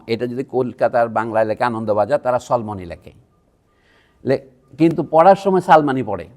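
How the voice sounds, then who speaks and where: A man from Bangladesh, with a slightly mellow mid-range voice, speaks at a public lecture held in a university museum hall. He talks conversationally, digressing and addressing asides to the audience.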